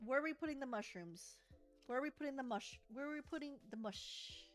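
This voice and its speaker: A woman's voice: sits high, brisk, a bit bright, faint music behind. A young woman chatting casually and playfully while she crafts in her journal, joking and giggling as she talks to viewers. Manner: playful, giggly, sings snatches of songs.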